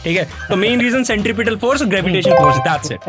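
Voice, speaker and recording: A man's voice: sits high, expressive, fast. A young man, a physics teacher, teasingly quizzing a colleague and laughing as he explains. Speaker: physics teacher asking quiz questions. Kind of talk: playful quiz banter. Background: background music.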